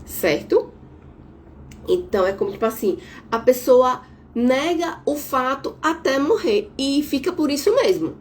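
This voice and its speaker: Woman, therapist, didactic live talk, slightly loud, higher voice. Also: sing-song, unhurried, slight background noise. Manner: speaking a little louder on purpose, didactic, tag questions. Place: at home, window shut, air conditioning on.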